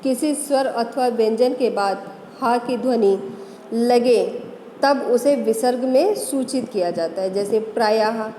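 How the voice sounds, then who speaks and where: Female teacher, high-ish voice, very slow and methodical delivery, echoey room with long reverb. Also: warm tone, a little hiss or hum. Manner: slow, methodical, spells out letters one by one. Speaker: Hindi teacher. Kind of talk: classroom grammar lesson.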